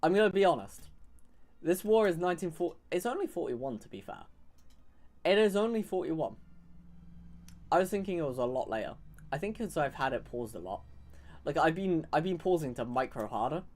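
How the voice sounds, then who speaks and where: A man's voice: a little high, sing-song, a little fast, long pauses, a little mellow. Sarcastic man rambling over gameplay. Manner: rambling, sarcastic, self-correcting. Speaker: gaming YouTuber. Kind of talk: casual strategy-game commentary.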